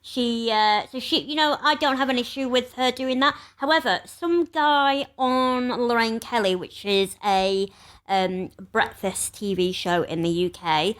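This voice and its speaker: A woman co-hosting a casual chat while hungover, rambling and giggly with lots of pauses. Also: fairly high pitch, a bit bright. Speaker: podcast co-host.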